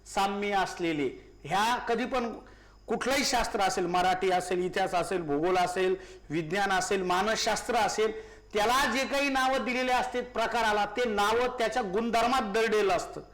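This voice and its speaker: High-voiced man teaching a grammar lesson. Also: steady tone, moderate pace, a bit bright. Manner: asks questions and answers them himself, repeats key words; calls listeners "brothers" often.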